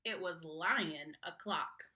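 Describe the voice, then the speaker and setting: A woman with a lowish voice reads a children's picture book aloud at a slow pace, expressive and theatrical, engaging young listeners.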